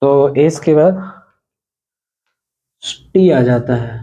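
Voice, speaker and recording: A man teaching an English pronunciation lesson, explaining slowly, repeating words for emphasis and often clearing his throat. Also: mid-range voice, animated, dark tone, lo-fi sound. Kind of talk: spoken language lesson.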